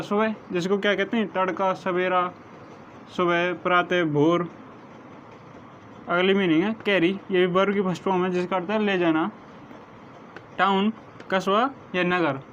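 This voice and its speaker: A male teacher slowly dictating vocabulary meanings to his class, spelling some words out letter by letter. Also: sits high, fairly bright tone. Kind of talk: vocabulary lesson, reading word meanings. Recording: dull lo-fi sound with faint noise.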